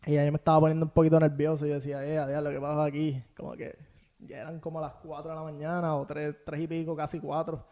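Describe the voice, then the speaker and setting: Man, Puerto Rican accent, young adult, slightly high voice, slangy casual storytelling. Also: quick pace, dull audio. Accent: Puerto Rican Spanish. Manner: animated, slangy, acts out voices in retelling. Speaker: podcast guest.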